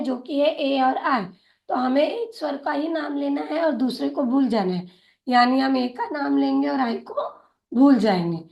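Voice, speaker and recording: Slow, high-voiced woman teaching phonics. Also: gravelly, echoey room. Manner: slow, patient, repeats each word twice. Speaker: English teacher. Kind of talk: phonics lesson, spelling out and sounding words.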